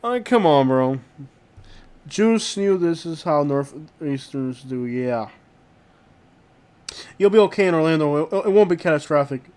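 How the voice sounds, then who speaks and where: A man hosting a casual live stream, talking in an informal, slangy and halting way and often repeating himself. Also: fairly high pitch, animated, a little mellow. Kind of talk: casual live stream chat, reacting to viewers. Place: inside a rented house.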